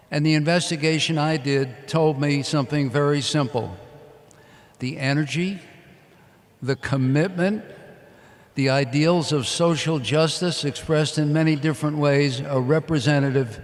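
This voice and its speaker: Speaking a little slowly in a steady, slightly high voice, this commencement speaker from Queens, New York, drives his motivational message home with short, emphatic, repeated phrases. The recording comes from a large indoor arena and carries a long, echoing reverb.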